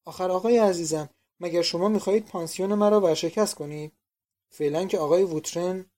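A fretful middle-aged landlady who pleads and coaxes her lodgers in a storybook reading, put on by a male narrator. The voice sits a little high for a man and is raised and urgent. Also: dark tone, close to an everyday voice. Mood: pleading. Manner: pleading, coaxing tone. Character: fussy middle-aged woman landlady, anxious and wheedling. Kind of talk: audiobook character reading.

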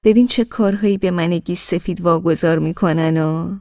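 A woman's voice: on the low side, mellow, dry recording, clean studio sound, natural voice. A woman reading the part of a sweet elderly grandmother who talks hesitantly, stopping and starting, in an audiobook. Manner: hesitant, stops and restarts.

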